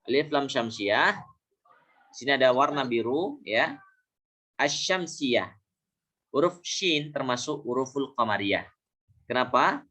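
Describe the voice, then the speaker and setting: A man teaching Arabic pronunciation in a lesson, repeating example words slowly and correcting himself with small fillers. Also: medium pitch, lively intonation, bright, forceful tone. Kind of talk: classroom lesson.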